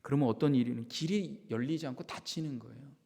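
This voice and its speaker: A Korean pastor preaching a Sunday sermon, lively and expressive, acting out quoted voices and sometimes dropping to a whisper. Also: male voice, medium pitch, a little fast, vocal fry, breathy edge. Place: church sanctuary. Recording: long hall reverb of a church sanctuary.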